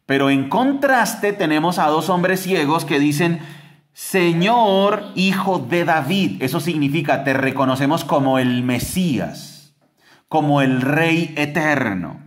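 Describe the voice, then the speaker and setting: A man with a slightly high voice gives a lively Bible teaching on a podcast. He moves his pitch up and down a lot and keeps asking listeners rhetorical questions as he explains. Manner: animated, acts out quoted voices with big pitch jumps.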